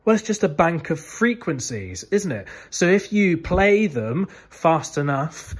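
Speaking a touch high and a little slowly, with a sing-song lilt and a faint rasp, a British man in his thirties presents to camera. He's a museum video host, explaining things in a warm, keen, conversational way inside a room filled with synthesizers.

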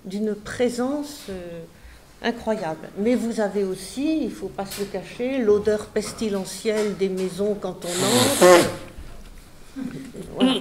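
A woman translator presenting a book to an audience, halting and repeating words with many fillers. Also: medium pitch, noisy background. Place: book fair talk.

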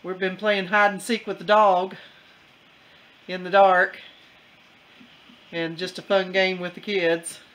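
A person filming and narrating homestead chores in a relaxed, step-by-step way. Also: medium pitch, takes it slowly, pauses often, poor audio. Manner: easygoing, explains step by step with fillers. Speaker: camera operator and co-narrator. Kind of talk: casual vlog narration.

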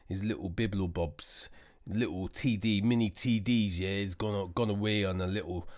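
A man giving a casual music production tutorial, joking around and mocking himself as he goes. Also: lowish voice. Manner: jokey, slangy, self-mocking.

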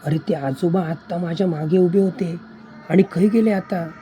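Man doing scared young guy lost at night, malvani accent, anxious questions, pitched up a bit, mellow tone. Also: animated, a little slow, slight background noise. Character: frightened young male traveler lost at night.

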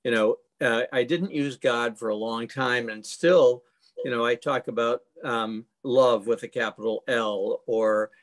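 A man's voice: medium pitch, unhurried. A man co-hosting an interview, talking thoughtfully with many casual fillers. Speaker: co-host. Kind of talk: conversational interview.

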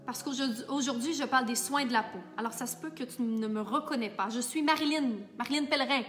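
A Québécois woman, a makeup artist and teacher, chatting warmly and enthusiastically to her viewers in a casual vlog. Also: sits high, quick pace, long reverb tail. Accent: Québécois French. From Quebec. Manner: warm, enthusiastic, talks straight to viewers.

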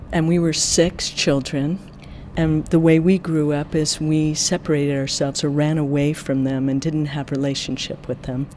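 An interpreter giving a translation voice-over in the first person, in a measured, steady way that often drops quieter. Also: mid-range voice, a little hiss or hum.

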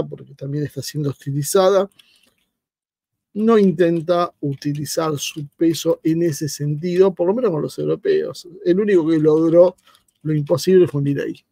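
Gravelly-voiced Argentine man analyzing. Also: fairly high pitch, mellow, no echo. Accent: Argentine Spanish. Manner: hesitant, many fillers. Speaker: political analyst. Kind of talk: live-streamed analysis.

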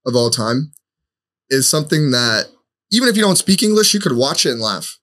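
A man's voice: mid-range voice, very animated, a little fast, fairly bright tone. A man chatting loosely as a podcast guest, rambling with lots of filler words. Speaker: guest, social media creator. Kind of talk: casual podcast chat.

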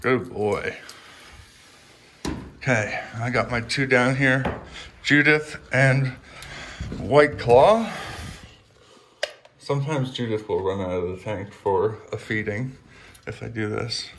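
A man filming himself on a handheld phone camera in a pet room at home, chatting casually and coaching his lizards with a high, coaxing voice. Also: slow, pauses often, fairly bright tone, a little hiss or hum. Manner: chatty, filler-heavy, coaxing pets in a high sing-song voice. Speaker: reptile keeper filming his pets. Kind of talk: casual vlog narration.

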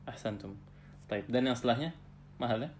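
Patient male teacher leading an online lesson over a video call, middle-pitched voice. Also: fairly quick, a little mellow, a little hiss or hum. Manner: patient, drills terms, ends phrases with "ya". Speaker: Arabic teacher.

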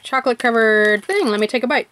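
A woman's voice: a little high, fast, a bit bright, a little hiss or hum. A woman chatting casually as she unwraps and tastes snacks for a vlog, thinking aloud as she goes. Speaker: vlogger.

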